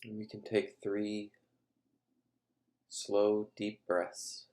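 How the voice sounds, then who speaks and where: A man with a lowish voice leads a guided meditation as a teacher. He speaks calmly in short, measured phrases separated by long pauses.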